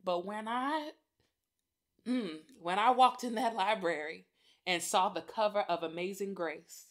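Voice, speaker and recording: A woman's voice: mid-range voice, unhurried, fairly bright tone. A woman hosting a podcast, speaking in a chatty, personal way, calling listeners y'all and laughing often. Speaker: podcast host. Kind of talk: personal reflective address.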